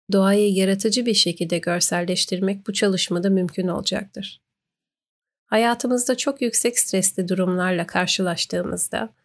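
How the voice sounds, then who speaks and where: A woman narrating a guided meditation in a calm, soothing way, giving gentle instructions. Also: medium pitch.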